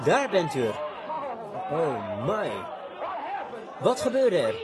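A man's voice: on the high side, huge pitch swings, slow, a loud crowd, heavy background noise. A man preaching a fervent sermon to a congregation, with cries of amen and repeated words. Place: church before a congregation. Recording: congregation audible behind.

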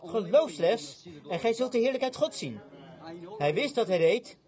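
A man's voice: very high voice, very animated, normal speed, a little mellow. A man preaching a sermon with emphatic, dramatic storytelling. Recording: congregation audible in the background.

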